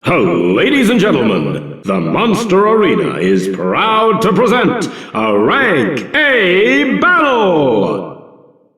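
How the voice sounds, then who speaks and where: A man voicing a grandiose monster arena announcer in a video game, with showy, drawn-out fight announcing. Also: high voice, wildly swooping pitch, fairly bright tone, breathy edge, exaggerated voice. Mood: showy, excited.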